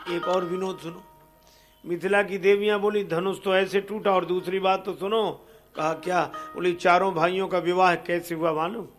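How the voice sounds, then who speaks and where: A man telling a devotional story and moving between recited verses and spoken narration, with an expressive delivery. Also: high-pitched, normal speed, over music.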